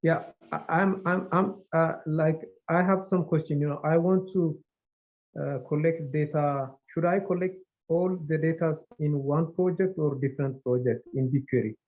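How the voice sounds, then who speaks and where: A male student from Ethiopia asking a halting question over a video call. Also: a little high, steady tone. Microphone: poor computer mic on a video call. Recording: distorted, tinny call audio.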